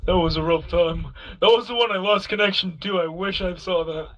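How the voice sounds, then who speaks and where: A man's voice: high-pitched, fairly quick, fairly bright tone, dull audio. A man cracking jokes and laughing through casual voice chat while gaming. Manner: joking, laughing, wisecracking.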